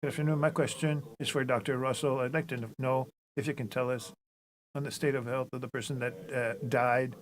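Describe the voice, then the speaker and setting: A male reporter asks a question at a government briefing. His voice is mid-pitched and ordinary. He phrases it haltingly, a bit unsure. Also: fairly even intonation, poor audio. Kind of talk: press conference question.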